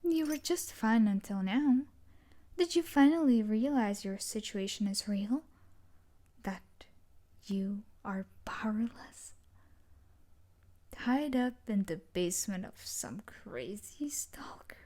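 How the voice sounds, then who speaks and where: A woman performs a dark-romance yandere stalker in close audio roleplay, her tone mocking and menacing. She speaks slowly and expressively at medium pitch, breathy and coaxing, with quiet menace and frequent whispers.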